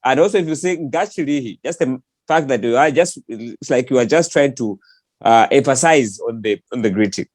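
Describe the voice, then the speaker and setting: A man's voice: mid-range voice, moderate pace, a little mellow, dry recording. A man on an online call explaining a language point, with hesitant fillers and restatements.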